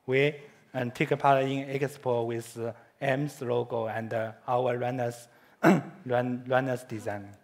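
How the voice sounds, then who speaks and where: A native speaker of Chinese gives a conference talk in faltering, Chinese-accented English, repeatedly restarting and correcting his wording. He is a man with a medium pitch and a steady tone.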